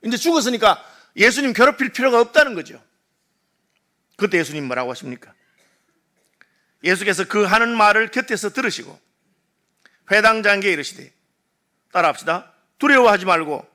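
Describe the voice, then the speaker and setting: A man preaching a Sunday sermon as pastor, telling a Bible story and out the wailing crowd in lively voices. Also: high-pitched, brisk, long pauses. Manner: animated storytelling, acting out crowd and mourners. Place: church sanctuary.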